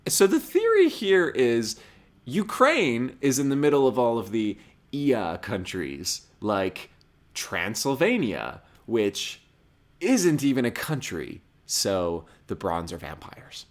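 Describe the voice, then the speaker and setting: Over background music, a man delivers sarcastic, wisecracking scripted commentary while recapping a show's episode as a comedic reviewer. His medium-pitched voice is very animated yet slow, and his manner is mocking.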